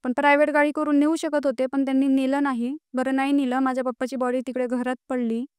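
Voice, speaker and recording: A woman's voice: high voice, flat delivery, fast talker, a little mellow, smooth, no echo, clean studio sound. A young woman, telling her life story as a podcast guest, earnest and rising with indignation. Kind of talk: emotional personal storytelling.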